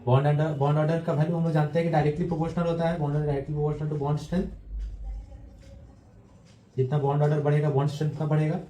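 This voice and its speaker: Dark-voiced male teacher dictating notes slowly. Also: fairly high pitch, little pitch movement, echoey room, poor audio. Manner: explains step by step, slow deliberate dictation, frequent checks with students. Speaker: chemistry teacher. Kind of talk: classroom lecture, dictating notes.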